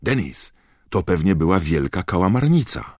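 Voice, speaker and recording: An eager, pushy boy, urgent and bursting to share news, as a man puts him on for an audiobook. The voice sits above a very deep natural register, recorded dry and close. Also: sing-song, normal speed, darkish tone, no echo, heavily acted. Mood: excited. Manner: urgent, insistent. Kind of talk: audiobook character voice.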